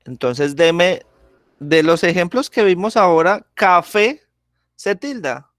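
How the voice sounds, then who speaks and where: Slow, patient male teacher. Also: sits high, expressive, a bit bright, dry recording, studio quality. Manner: slow, patient, checks in with frequent "¿sí?". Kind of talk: classroom grammar lesson.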